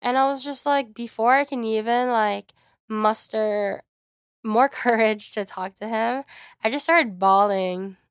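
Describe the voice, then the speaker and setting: A young woman hosting her podcast, telling a personal story in a chatty, animated way. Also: fairly high pitch, unhurried, smooth, dry recording, studio quality. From United States. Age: young adult. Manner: chatty, frequent "like", animated quoting. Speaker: podcast host. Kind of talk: casual storytelling monologue.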